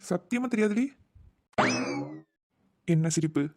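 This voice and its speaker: A man's voice: high-pitched, animated, slow, warm tone, no room sound, studio quality. A man voicing a flustered young brother in a cartoon, bickering with his sister and muttering panicky asides. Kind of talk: cartoon voice acting.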